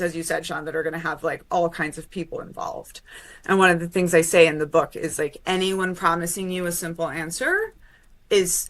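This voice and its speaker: A woman guest on a podcast, a former Army intelligence officer, telling stories in an animated, quick way and often cutting herself off to restart a sentence. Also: fairly low pitch. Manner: animated, quick storytelling with self-interruptions. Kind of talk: casual interview talk.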